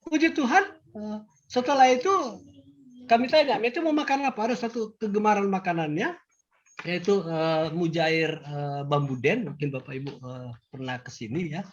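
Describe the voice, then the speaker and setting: An older man, a grandfather giving an emphatic, animated testimony to an audience. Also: on the high side, moderate pace. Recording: dull lo-fi recording.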